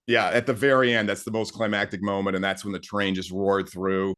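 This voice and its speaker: A man's voice: lowish voice, little pitch movement, fairly quick, fairly bright tone. A man talking as a guest composer in a casual interview, enthusiastic and full of fillers and restarts.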